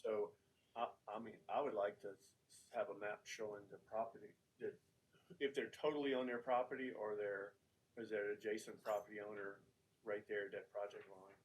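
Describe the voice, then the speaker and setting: A committee member at a public meeting, asking halting, probing questions. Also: male voice, lowish voice, little pitch movement, a little hiss or hum, poor audio.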